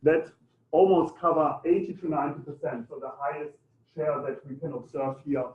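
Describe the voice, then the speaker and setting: Halting German-accented man, thin phone-like sound. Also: on the high side, steady tone. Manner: halting, hesitant delivery. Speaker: presenter. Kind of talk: informal conference presentation with audience questions. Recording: muffled phone-like audio.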